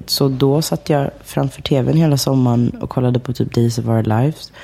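A woman telling stories of her childhood in a relaxed interview, chatty, laughing often and full of fillers. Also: rumbling low, gravelly, husky. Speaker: guest. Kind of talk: casual interview chat.

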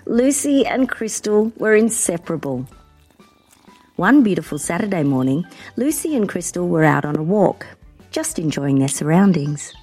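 A woman narrating a children's story in an expressive, dramatic way. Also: fairly low pitch, normal speed, slightly rough, soft background music.

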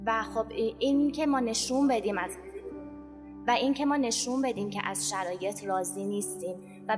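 Woman, calm and reflective, personal story, long reverb, music underneath. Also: mid-range voice. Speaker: podcast guest. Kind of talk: personal reflection in a round-table podcast.

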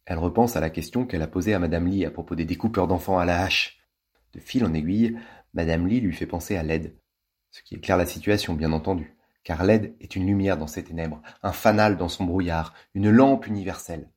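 A man's voice: sits low, brisk, husky. A man reading a children's novel aloud, playfully and with lots of expression. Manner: lively, playful. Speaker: storybook reader.

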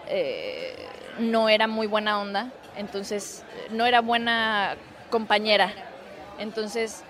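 A woman's voice: medium pitch, fairly bright tone. A woman, a musical theater actress telling a story in a casual interview, with lots of restarts and fillers. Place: outdoors in a city.

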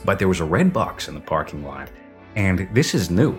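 A low-voiced man hosts a casual film review podcast, rambling, correcting himself and airing strong opinions. His voice rings with reverb from an empty basement. Faint music sits underneath. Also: sing-song, moderate pace. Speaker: podcast host.

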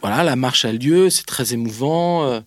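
A man telling a lively anecdote in an interview, with lots of hesitations, speaking straight to his listener. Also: mid-range voice, moderate pace, no echo, clean studio sound, faint music behind. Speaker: interview guest. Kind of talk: casual storytelling.

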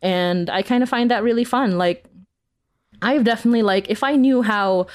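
A Filipina podcast creator, appearing as an interview guest, chats casually at a moderate pace in a slightly high voice. She's an animated, giggly storyteller who says "like" constantly.

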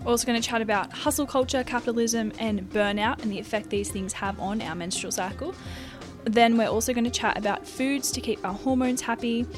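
A woman's voice: on the high side, a little fast, over music. An Australian woman hosting a podcast in a casual, effusive, giggly way with plenty of swearing. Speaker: podcast host. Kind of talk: casual chat.

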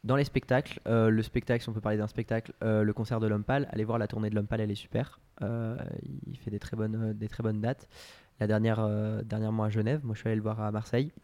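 A man chats on a podcast in a low, mellow voice, recorded dry and close. He rambles, trailing off, restarting and filling gaps with hesitations as he recommends things. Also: little pitch movement, quick pace, hardly any pauses, no room sound. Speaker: podcast co-host. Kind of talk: casual chat.

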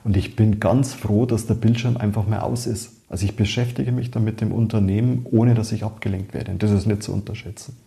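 A man with a low, gravelly voice explains his position in a podcast panel discussion. His tone is deep and mellow. He is thoughtful and often doubles up words as he thinks aloud. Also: fairly even intonation, fairly quick, hardly any pauses. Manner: thoughtful, often repeats words while searching. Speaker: expert jury lead.

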